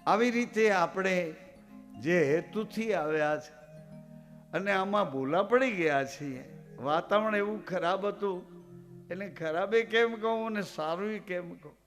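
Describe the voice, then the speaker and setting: A high-pitched man delivers a devotional sermon, telling a story and acting out the characters' calls. The live program recording has faint music behind him. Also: a little slow, a bit bright. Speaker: preacher.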